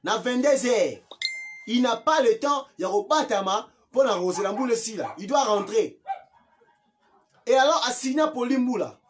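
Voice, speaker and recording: A man's voice: very high voice, expressive, moderate pace, a little hiss or hum. A man with a Congolese accent who slips into Lingala, giving his opinion in an impassioned way, repeating and stressing his points. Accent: Congolese (Kinshasa), mixing in Lingala. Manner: emphatic and repetitive, stressing words over and over.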